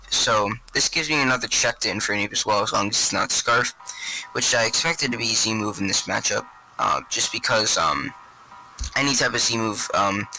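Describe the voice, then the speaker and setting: A man's voice: mid-range voice, pushed and bright, poor audio. A man with a congested, stuffy voice, casually explaining his competitive game team in rambling commentary full of fillers. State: congested from a cold.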